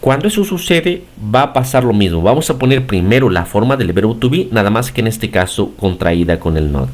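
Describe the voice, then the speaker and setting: A man's voice: lowish voice, animated, a little fast, darkish tone. A man giving a recorded English grammar lesson in Spanish, explaining step by step and checking in with "ok?". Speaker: English teacher.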